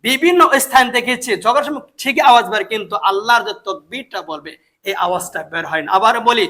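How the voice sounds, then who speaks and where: Preaching with emphasis, this Bangladeshi man repeats important phrases and slowly chants the takbir. His Bengali-accented voice is high-pitched, bright and forceful.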